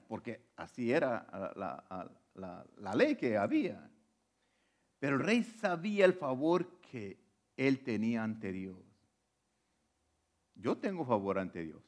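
A man preaching a sermon, retelling scripture dramatically and asking the listener direct questions. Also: medium pitch. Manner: dramatic pulpit delivery, slowing to stress quoted scripture.

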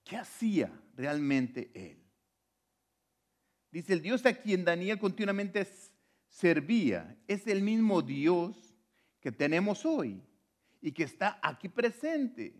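A man's voice: high-pitched, big pitch swings. A man preaching a sermon, retelling scripture dramatically and asking the listener direct questions. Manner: dramatic pulpit delivery, slowing to stress quoted scripture.

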